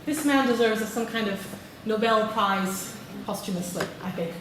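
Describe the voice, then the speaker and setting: A woman from Britain speaks at a moderate pace with a medium-pitched voice during a friendly conference talk in a large hall. As a teacher trainer, she polls the audience and leans on "okay." Expect echo, noise and a far-away microphone.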